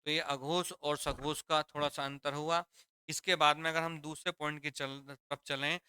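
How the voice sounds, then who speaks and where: A man with a bright, crisp and smooth voice gives a classroom grammar lesson. He repeats each point and keeps asking his students questions. The sound is dry and close. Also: fairly high pitch, little pitch movement, moderate pace, dry recording. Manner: repetitive, quizzing students with questions; addresses students as children. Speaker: Hindi teacher.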